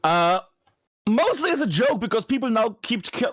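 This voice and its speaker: A man's voice: very high-pitched, sing-song, normal speed, dry recording. A man from Germany, German his first language, chatting bluntly as a podcast guest, swearing casually with many restarts. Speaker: podcast guest, game broadcaster.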